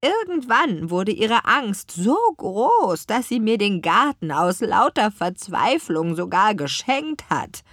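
A croaking old grandmother witch from a storybook, kindly and a little forgetful, as a woman reading puts her on. Her voice is raspy and thin, pitched high and stretched out slowly, and it swings widely up and down. The recording is dry and close. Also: big pitch swings, a bit bright, dry recording, full character voice. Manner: drawn-out, high cracked old-lady delivery. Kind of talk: audiobook character voice.

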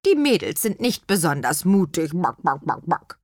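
A woman's voice: sing-song, normal speed, dry recording, clean studio sound. A woman voicing a bossy, outspoken hen who leads the flock and clucks between her words. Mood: matter-of-fact. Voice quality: high clucking voice.

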